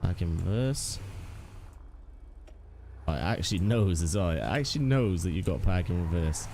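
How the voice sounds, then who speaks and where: A young man chatting through a game, joking and talking to his viewers in a relaxed way. His voice sits a little low with a dark, mellow tone, and a faint hiss runs under it. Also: normal speed, gravelly. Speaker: gaming streamer. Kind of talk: casual game commentary.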